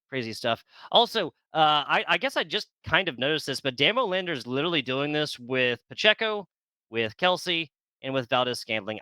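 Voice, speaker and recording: Bright-voiced male esports commentator. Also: medium pitch, clear, resonant tone, no echo. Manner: chatty, laughs easily, quick asides. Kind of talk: play-by-play commentary.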